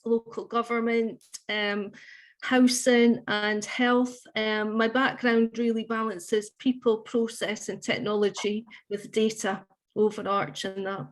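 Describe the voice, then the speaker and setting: A woman, a programme lead introducing herself on a video call, brisk and businesslike. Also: a little high.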